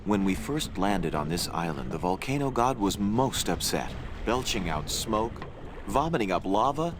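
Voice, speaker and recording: Deep-voiced deadpan cannibal villager. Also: male voice, moderate pace, background noise. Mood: earnest storytelling. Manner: deadpan, polite, officious, like a tour guide. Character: civil, polite male cannibal islander villager with modern tastes. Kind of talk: scripted comic adventure game dialogue.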